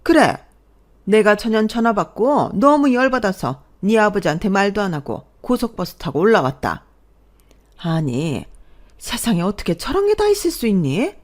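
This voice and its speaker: A domineering middle-aged mother-in-law, voiced by a woman, hurls loud accusations in this radio play. Her voice leaps around in pitch and keeps rising to a shrill edge. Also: animated, moderate pace, lightly acted. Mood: furious. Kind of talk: Korean radio drama acting.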